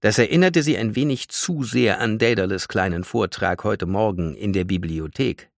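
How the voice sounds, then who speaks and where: A man narrating a storybook in a scripted, expressive reading. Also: on the low side, normal speed, vocal fry, dry recording. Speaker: audiobook narrator. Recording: dry close studio sound.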